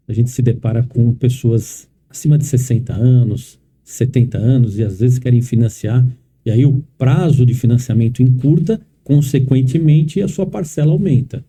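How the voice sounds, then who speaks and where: A man's voice: mid-range voice, warm tone, slightly rough. A man hosting a podcast, asking his guest long, framing questions. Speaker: podcast host. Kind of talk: interview questions.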